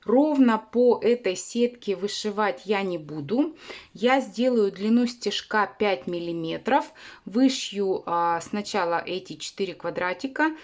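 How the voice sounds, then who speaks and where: A woman's voice: mid-range voice, expressive, measured pace. Woman walking through a sewing tutorial, careful and explanatory, lots of little "uh"s. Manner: careful, explanatory, with frequent hesitation sounds. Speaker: sewing channel host.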